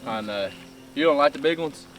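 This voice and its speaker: A man's voice: mid-range voice, animated, brisk, a bit bright, far from the mic, faint music behind, poor audio. A man in casual banter among friends outdoors at a campsite.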